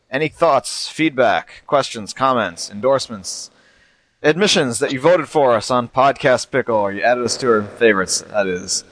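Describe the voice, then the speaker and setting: A man's voice: medium pitch, fairly bright tone. A man hosting a podcast in a casual chat, wordy and wry with a self-deprecating way of talking. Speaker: podcast host.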